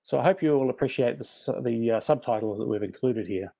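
New Zealand man with a mellow voice. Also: medium pitch, fast, vocal fry. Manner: dry self-deprecating humour. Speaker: presenter. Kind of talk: prepared presentation talk.

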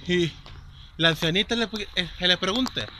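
A man's voice: high-pitched, normal speed, sharp tone, a little hiss or hum. Indignant Spanish man telling a story. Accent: Spain Spanish. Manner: rambling and indignant, with many fillers. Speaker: vlogger. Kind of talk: casual storytelling.

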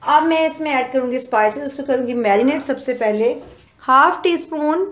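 High-voiced woman narrating her cooking. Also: moderate pace. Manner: step-by-step explaining, calm and homely. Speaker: cooking channel host. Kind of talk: casual cooking voice-over. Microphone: voice-over.

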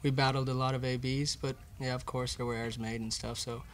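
A young college baseball player fields questions about his team at a press conference, speaking earnestly into a table mic in an indoor room. He has a mid-range voice with little pitch movement and a brisk pace, and there is slight background noise.

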